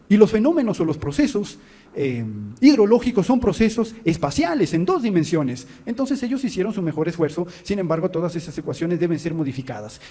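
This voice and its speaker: A man lectures on a research topic. He explains step by step and often turns to the audience with small question tags. His voice sits somewhat high and has a soft, mellow tone. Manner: explanatory, addresses listeners directly, frequent "¿no?" tags. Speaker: researcher presenting a talk. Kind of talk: technical presentation to an audience.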